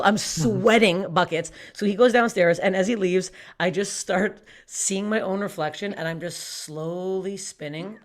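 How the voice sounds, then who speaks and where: A woman's voice: mid-range voice, heavy background noise. A young woman from Canada doing a raunchy stand-up set online, brash and self-mocking, swearing often and laughing through her lines. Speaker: stand-up comedian. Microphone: streamed stand-up.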